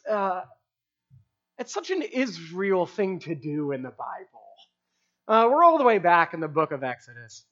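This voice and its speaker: A preacher talks through a sermon in a relaxed, conversational way, with lively swings in pitch. Scripture passages are read aloud between casual asides. The recording sounds dull and lo-fi, as if the highs were cut. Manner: animated, informal asides. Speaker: pastor.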